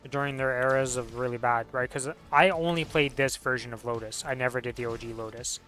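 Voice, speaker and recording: A man's voice: medium pitch, steady tone, a little fast, sharp tone, soft background music. A man in casual, rambling, slangy conversation while gaming as a streamer. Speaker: game streamer.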